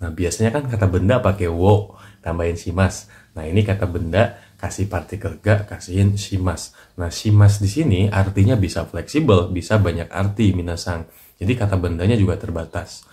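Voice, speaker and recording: A man teaching in a casual, chatty way, trailing off softly at the ends of his lines. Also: deep voice. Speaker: Japanese language teacher. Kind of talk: casual lesson in short clips. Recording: noisy recording with clicks.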